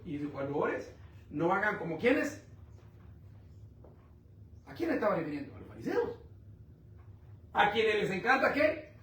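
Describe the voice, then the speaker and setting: Brief: male preacher, high voice, rhetorical questions, loud-to-quiet swings, distant mic. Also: a little hiss or hum. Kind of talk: sermon. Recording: echoey room, mic at a distance.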